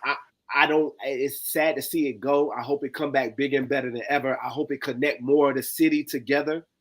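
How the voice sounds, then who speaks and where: A man in his forties telling stories in a slangy, animated, conversational way on a video call. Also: mid-range voice, brisk. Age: 40s. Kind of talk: casual chat.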